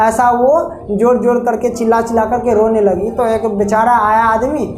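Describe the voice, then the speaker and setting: A fairly high-voiced woman teacher walks her class through a story in Hindi, chatty and repetitive, often asking a question and answering it herself. She slips into the characters' lines as she goes. The voice sits in an echoey room with a faint hum of ambient noise. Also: little pitch movement, moderate pace, a little mellow. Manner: conversational, asks herself questions and repeats points, acts out the characters' lines. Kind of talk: retelling a textbook story for a class.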